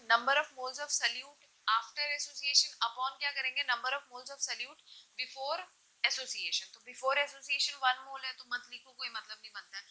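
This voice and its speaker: A woman's voice: a little high, sharp tone, low-quality recording. A woman teaching a chemistry lesson, explaining step by step and often asking questions, then answering them herself. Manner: checks in often with short confirmations. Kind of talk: classroom lecture mixing Hindi and English.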